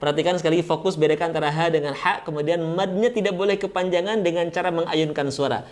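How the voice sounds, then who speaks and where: A man teaching Quran recitation, explaining pronunciation rules in a friendly way and then chanting each verse slowly. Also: a little high. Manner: light, friendly jokes. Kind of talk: recitation lesson.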